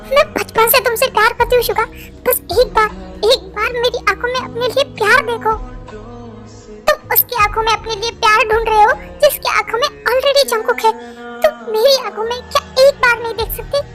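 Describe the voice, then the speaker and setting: A playful young woman who teases her friends and gently coaxes them to open up, as a woman plays her. The voice is very high and bright, quick to needle and warm to comfort. It is a fan-dub drama. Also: fairly even intonation, faint music behind. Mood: yearning. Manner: playful and teasing, gently coaxing.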